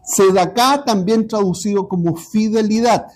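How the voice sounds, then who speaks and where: A man teaching a Bible study class, pausing often and checking in with his listeners. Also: high voice, a little mellow, a little hiss or hum. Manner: halting, repeats ¿ya? to check understanding.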